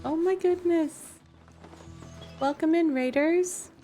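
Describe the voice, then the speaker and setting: A woman livestreams a game, chatting casually and thinking out loud while she plays. Her voice is extremely high-pitched, slow, and warm. Music plays faintly behind her.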